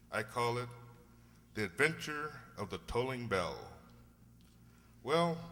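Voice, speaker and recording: Hearty, animated Doctor Watson played by a man, echoing hall. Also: mid-range voice. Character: genial older English doctor, excitable, sentimental storyteller. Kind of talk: old-time radio drama acting. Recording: hall-like long reverb.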